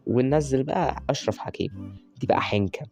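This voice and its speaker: A man with an Egyptian Arabic accent narrates his football game at a quick clip, talking nonstop and cheering on his players by nickname. His voice is mellow and warm, and faint game music plays in the background. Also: medium pitch. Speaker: gaming YouTuber. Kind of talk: live gameplay commentary.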